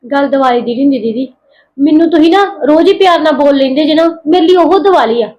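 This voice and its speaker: A woman plays a proud, hurt young housemaid in a family drama skit. She pleads earnestly in a high voice, with the words tumbling out quickly. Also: darkish tone, muffled recording, natural voice. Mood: pleading.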